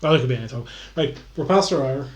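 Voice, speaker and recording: A man's voice: mid-range voice, expressive, rapid-fire. A very drunk man rambles casually as he hosts a live stream, swearing and stumbling over his words. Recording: roomy, echoey room sound.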